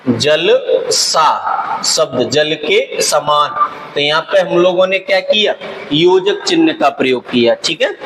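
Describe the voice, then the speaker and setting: A man's voice: on the high side, a bit bright, a little hiss or hum, low-quality recording. A man teaching a grammar lesson for exam preparation, patiently explaining, repeating key terms and often checking whether students have understood.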